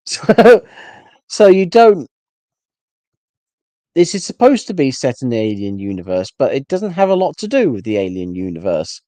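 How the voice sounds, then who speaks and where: Male host, rambling exasperated solo rant, warm low-toned voice, dry sound. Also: no room sound. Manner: rambling, stumbles and restarts, exasperated. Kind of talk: casual rant.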